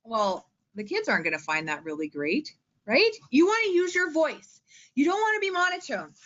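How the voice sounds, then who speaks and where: In a high-pitched, sing-song voice with a fairly bright tone, a woman teacher offers tips on reading aloud at a moderate pace. The instructional talk is informal, theatrical and emphatic, with frequent check-ins with the listener. Audio is dull.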